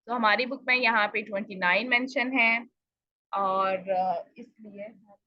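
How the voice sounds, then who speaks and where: A woman's voice: medium pitch, no echo, lo-fi sound. A woman teacher giving a Quran recitation lesson, explaining patiently and asking questions she answers herself. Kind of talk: online tajweed lesson.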